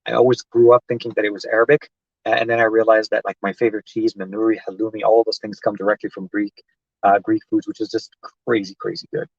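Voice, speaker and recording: A man's voice: lowish voice, flat delivery, fast talker, vocal fry, no echo, dull audio. A man from Lebanon hosting a casual tech live stream from inside a parked car, rambling and chatty with lots of fillers as he answers viewer comments.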